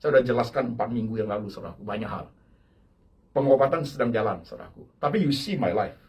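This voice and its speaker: A man's voice: medium pitch, lively intonation, fast. An older man preaching a sermon as pastor, with emphatic repeated phrases and bits of English mixed in. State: ill with kidney disease.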